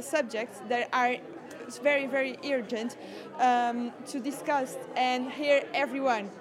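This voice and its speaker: A young woman from Portugal, a scout, answering interview questions in a halting way, searching for words. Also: sits high. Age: young adult. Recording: crowd chatter behind.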